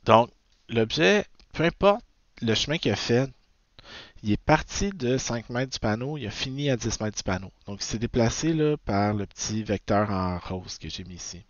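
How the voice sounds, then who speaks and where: A man's voice: mid-range voice, expressive, moderate pace, dry recording. A man with a Québécois French accent, teaching a recorded physics lecture, often checking in with "ok?" and correcting himself as he goes. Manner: frequent "ok?" checks, self-corrections. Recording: dull, dry lo-fi sound.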